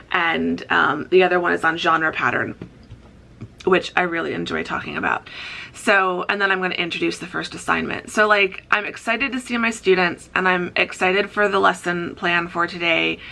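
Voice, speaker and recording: A chatty woman vlogging about her day, talking to the camera in an upbeat, rambling way. Her voice sits a little low, with a gravelly fry and a bright, forceful edge. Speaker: author and college writing teacher vlogger. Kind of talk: casual vlog chat to camera.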